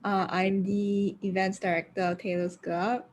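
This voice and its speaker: A woman's voice: medium pitch, little pitch movement, normal speed. A twenty-year-old woman, a student events director, introducing herself carefully on a video call.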